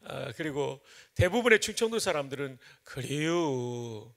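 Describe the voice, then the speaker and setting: A male pastor from Chungcheong delivers a dawn revival sermon in church. His voice sits a bit high and has a gravelly, rough edge. He trades folksy, joking stories for emphatic teaching. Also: animated, normal speed, fairly bright tone. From Chungcheong, Korea. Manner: folksy joking storyteller, then emphatic preaching. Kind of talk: early-morning revival sermon.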